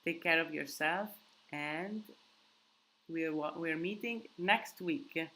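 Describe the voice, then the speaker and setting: In a relaxed live-stream chat from a countryside home, a woman answers viewers' questions in non-native English, rambling and often restarting or using fillers. Her low-pitched voice is slow, pushed, and bright, and the poor audio has a little hiss or hum.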